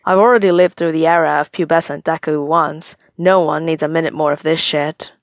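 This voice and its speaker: A woman voicing a gruff, foul-mouthed, short-tempered young man with curt, growled lines. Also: low voice, steady tone, brisk, no room sound, clean studio sound. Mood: irritated.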